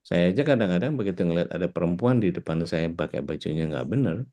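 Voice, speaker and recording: Man, religious teacher, low and dark voice, chatty and animated, tosses in english words. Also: fast. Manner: animated, acts out little scenes while explaining. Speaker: Islamic preacher, ustadz. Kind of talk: casual religious discussion.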